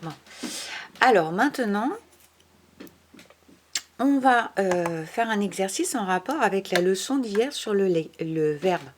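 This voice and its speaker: A woman teacher giving a remote spelling lesson to young children, patient, spelling out letters one by one and dropping into soft asides. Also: mid-range voice, expressive, takes it slowly, long pauses, a little hiss or hum. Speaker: primary school teacher.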